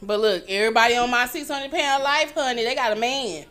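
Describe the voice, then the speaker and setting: A woman's voice: fairly high pitch, fairly quick, pushed and bright. A woman co-hosting a casual chat, blunt and profane, laughing through her stories. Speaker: podcast co-host.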